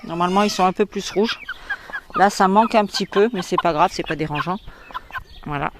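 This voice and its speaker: A woman's voice: fairly low pitch, fairly quick, background noise. French lady filming on her phone outside, chatty, lots of euhs, hens clucking faintly behind. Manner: chatty, explanatory, with many fillers. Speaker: poultry breeder. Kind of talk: casual walk-through video. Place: outdoor poultry yard. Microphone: handheld phone.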